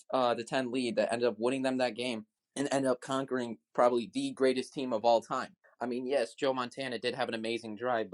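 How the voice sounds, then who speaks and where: Guy talking fast in a football debate, keeps restarting his sentences, normal pitch. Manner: rushed, restarts phrases often. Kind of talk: debate argument.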